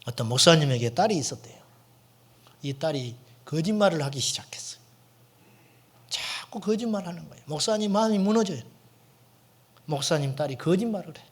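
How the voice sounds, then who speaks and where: A middle-aged man, a senior pastor, preaching a sermon in a church with dramatic storytelling that swings between loud and hushed. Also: fairly high pitch, lively intonation, fairly quick. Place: church sanctuary.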